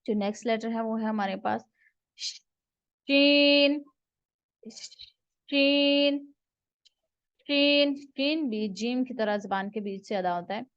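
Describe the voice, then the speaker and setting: A woman's voice: a little high, moderate pace, hardly any pauses, dry recording. A woman giving a Quran reading lesson, patiently repeating each letter sound several times. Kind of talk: step-by-step pronunciation lesson. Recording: dull, dry close recording.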